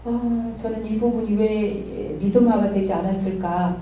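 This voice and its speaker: A woman's voice: medium pitch, steady tone, unhurried, dark tone, a little hiss or hum. Middle-aged woman sharing a testimony, distant and echoey. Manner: candid, laughs often while telling. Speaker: study group member. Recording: distant mic in an echoey room.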